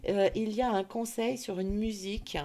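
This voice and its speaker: A woman gives a gentle, hesitant intuitive oracle card reading for her viewers, with many fillers and affectionate words. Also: mid-range voice, fairly even intonation, moderate pace. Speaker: intuitive card reader and hypnotherapist.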